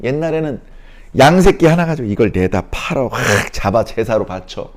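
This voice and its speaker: Lively-pitched male pastor preaching. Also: normal speed. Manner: animated, acts out voices of devil and Spirit, rhetorical questions. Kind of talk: sermon.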